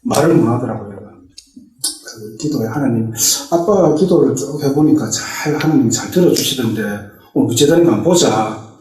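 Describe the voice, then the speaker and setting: Middle-aged man, deacon giving a church testimony; mellow, storytelling delivery, echoey hall, distant mic. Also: mid-range voice, expressive, normal speed. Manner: storytelling, acting out family dialogue. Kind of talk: personal testimony told as a story. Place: church sanctuary.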